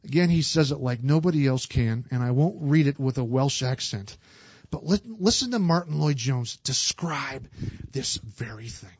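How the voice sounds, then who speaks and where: A man's voice: mid-range voice, lively intonation, moderate pace, darkish tone, breathy edge, no echo. A man preaching a sermon as a pastor, earnest and emphatic, often restarting his words. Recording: slightly dull, dry recording.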